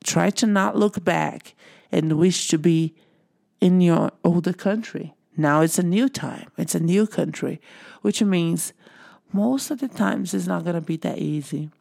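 Speaking at a measured pace, this motivational speaker has a lowish, dark voice touched with vocal fry. She is a middle-aged woman from Brazil whose Brazilian Portuguese accent colors an earnest pep talk to viewers, with phrases repeated for emphasis.

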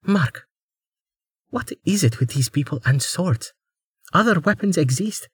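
A man's voice: on the high side, animated, measured pace, slightly rough, no room sound, pitched above the performer's own voice, full character voice. A man voicing a wry captive young woman.

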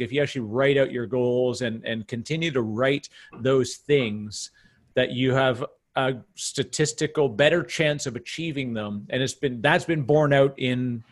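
Canadian man, podcast host, middle-pitched voice, animated, restarts, emphatic asides. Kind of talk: casual podcast conversation.

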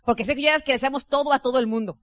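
A woman's voice: high-pitched, racing, no room sound, clean studio sound. A woman with a Mexican accent gives a chatty motivational business talk as a network marketing leader, speaking straight to her audience. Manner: chatty, lively, addresses the audience directly.

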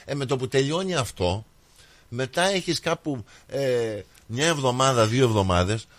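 A man's voice: medium pitch, animated, no echo. A male radio host chatting casually in the studio, joking and dropping English words into his talk. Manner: jokey banter, drops in English words.

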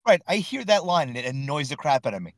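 A man's voice: on the high side, very animated, quick pace, a bit bright, no echo. A man co-hosting a casual podcast, joking and swearing while talking in a car. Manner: joking, profane banter. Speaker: podcast co-host. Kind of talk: casual chat.

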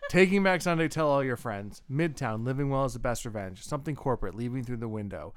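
A man co-hosting a casual chat, excitable and joking, swearing freely. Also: mid-range voice, fast. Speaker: podcast co-host.

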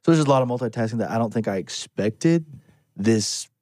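A man's voice: medium pitch, expressive, a little fast, a little mellow, no room sound. A man in his early twenties chatting casually on a podcast, rambling with lots of "like". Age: 20s. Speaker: podcast co-host. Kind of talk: casual chat.

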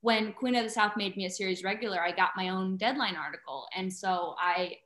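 A woman in her thirties, an actress guest telling stories in casual chat, animated and laughing often. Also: medium pitch, brisk, reverberant.

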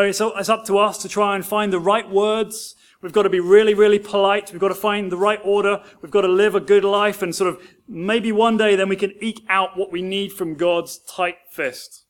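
A man preaching a sermon as pastor, earnest and telling stories to make his points. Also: sits high.

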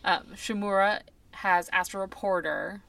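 A woman's voice: mid-range voice, steady tone, measured pace, creaky, fairly bright tone, no echo. A woman co-hosting a podcast in casual chat about a film, recapping scenes and asking questions. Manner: recaps scenes, asks questions, laughs easily. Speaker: podcast co-host.

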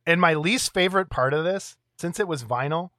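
A man's voice: a little high, brisk, bright, forceful tone, no room sound. Rambling middle-aged man, dry close sound. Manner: rambling, chuckles often. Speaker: co-host of a model kit show. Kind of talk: casual show-and-tell chat.

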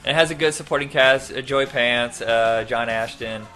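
A man's voice: mid-range voice, normal speed, sharp tone, soft background music. A man co-hosting a podcast, discussing movies in a casual, conversational style. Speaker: podcast co-host.

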